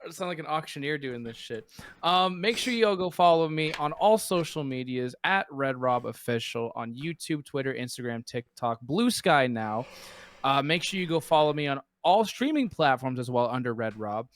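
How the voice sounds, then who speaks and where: A man's voice: medium pitch, moderate pace. A man appearing as a guest on a chat show, joking around and plugging his music. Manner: joking, self-promoting, animated laughs. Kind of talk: casual chat.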